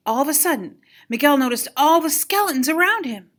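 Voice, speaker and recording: A woman's voice: sits high, a little fast. An older woman with a grandmotherly voice reads a children's story aloud, expressively and with dramatic emphasis. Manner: animated, dramatic emphasis on exclamations and key moments.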